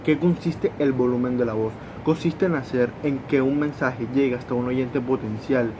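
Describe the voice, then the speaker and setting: A man's voice: medium pitch, moderate pace, background noise. A student giving a class presentation, explaining points and often repeating words as he goes.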